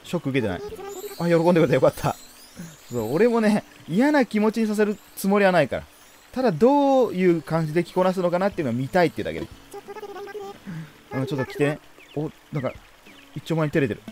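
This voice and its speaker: A man's voice: fairly high pitch, lively intonation, fast, long pauses, background noise. A man giving casual let's play commentary, chatting playfully to the characters on screen as he plays. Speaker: game streamer.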